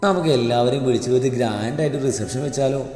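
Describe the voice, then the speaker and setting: A man's voice: mid-range voice, fast talker, a little mellow, natural voice. Man voicing a petulant, demanding young wife. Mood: eager. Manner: petulant, insistent. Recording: echoey reverberant audio with music.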